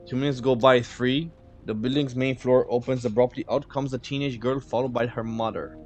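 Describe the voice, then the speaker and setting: A man's voice: medium pitch, steady tone, normal speed, a little mellow, faint music behind. Man reading a story game aloud. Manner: reads all characters in his own voice with offhand asides. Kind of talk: casual let's-play narration, reading dialogue aloud.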